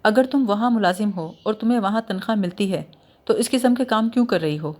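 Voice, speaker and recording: A woman voicing a clever young male detective who plays the fool, questioning calmly with a teasing edge. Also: medium pitch, lightly acted. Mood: probing.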